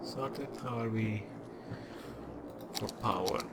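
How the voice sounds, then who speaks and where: Rambling through a city-building game, this young gameplay creator with a Portuguese accent speaks slowly in a lowish, creaky voice. He casually thinks aloud into a desk mic. The audio is very noisy, with loud music in the background.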